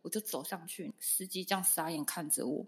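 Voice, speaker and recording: A woman's voice: lowish voice, a little fast, breathy edge. A young woman, co-hosting a podcast and dramatically retelling a story in casual chat. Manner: lively, dramatic retelling with acted-out asides. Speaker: podcast co-host.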